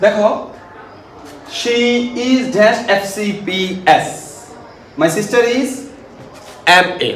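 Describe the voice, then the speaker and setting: A man's voice: high voice, very slow, long pauses, a bit bright. A young male teacher with a Bangladeshi accent giving an online grammar lesson, explaining step by step and often asking his students questions. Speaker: school English teacher. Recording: echoey room with faint hiss.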